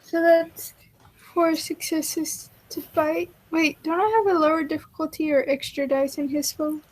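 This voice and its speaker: A young woman at a tabletop game with a high voice and an unhurried delivery. She asks questions and counts her dice aloud. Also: level tone, poor audio. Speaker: player. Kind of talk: casual tabletop play.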